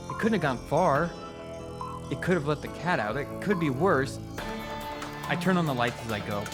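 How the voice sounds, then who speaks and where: A man giving a dramatic, scripted first-person narration of a horror story, with deliberate pauses. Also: medium pitch. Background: music.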